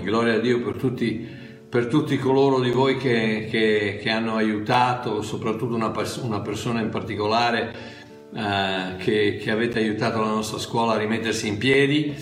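Man, preacher, bible teaching, conversational with asides, roomy echo, soft guitar behind. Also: lowish voice, steady tone, normal speed.

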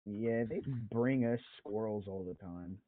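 A man's voice: lowish voice, unhurried, no room sound. A man co-hosting a podcast in casual chat, joking around and calling his friends bro. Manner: joking, laughs easily, says bro. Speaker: podcast co-host. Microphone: online voice chat. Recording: tinny voice chat line.

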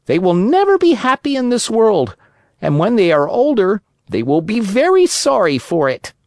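A storyteller voicing a wise old male talking cricket who lectures in a calm, preachy way, in a storybook reading. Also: mid-range voice, moderate pace, dry recording, studio quality, voice pushed up. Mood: calm lecturing.

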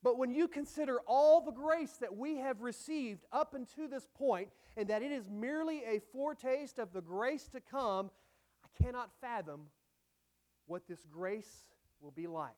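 A man preaching a sermon in an earnest way, with emphatic lines that fall away into soft phrase endings. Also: very high-pitched, normal speed. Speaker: pastor.

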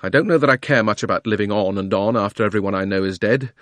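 A male audiobook narrator voicing a frightened but stubborn young boy, urgent and pushed high. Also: fast, a bit bright, no room sound, natural voice.

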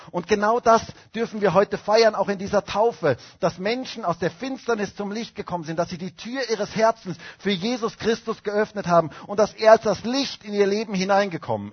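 A middle-aged pastor preaching at a baptism service, telling stories with fillers and emphatic declarations. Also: male voice, on the high side, husky, dull audio. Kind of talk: baptism sermon. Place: church service.

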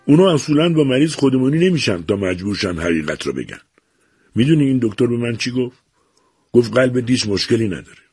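A fretful older father from a storybook who is convinced he is sick, as a male narrator plays him. He speaks in a weak, complaining voice that stays husky and breathy, with lively swings in tone, close to the mic. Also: mid-range voice, no room sound, faint music behind, pitched above the performer's own voice. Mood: gloomy.

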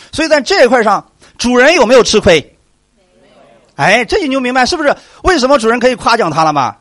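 Animated man preaching a sermon. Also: high voice, dry recording, studio quality. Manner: animated, asks the congregation questions and answers them.

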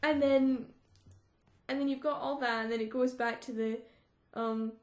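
A high-pitched woman talks unhurriedly in an echoey room. She hosts a casual book chat, laughing often and slipping into acted-out quotes. The room gives her voice a roomy echo. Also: unhurried. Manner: animated, laughs often, acts out quoted lines. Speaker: podcast host.

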